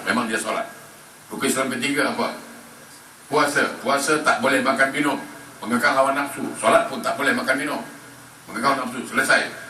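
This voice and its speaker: Male preacher, bright tone, playful question-and-answer delivery, recorded from a distance in a roomy mosque. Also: mid-range voice, a little hiss or hum. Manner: jokey, asks the crowd questions and answers them himself. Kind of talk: humorous mosque lecture. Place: mosque hall. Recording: roomy, distant mic with faint ambience.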